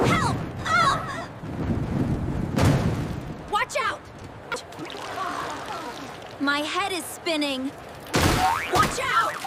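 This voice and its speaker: A woman voicing a squeaky winged cartoon critter. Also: full character voice. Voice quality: squeaky, shrill. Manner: exclaiming, reads sound effects aloud. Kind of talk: cartoon dialogue. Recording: loud background noise.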